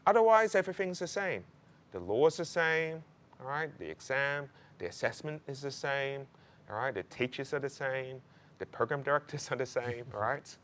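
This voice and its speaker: A man's voice: mid-range voice, lively intonation, normal speed, a bit bright. A man giving an informational presentation to prospective students in a conversational, emphatic way, often adding short tags like right and okay. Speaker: law program presenter.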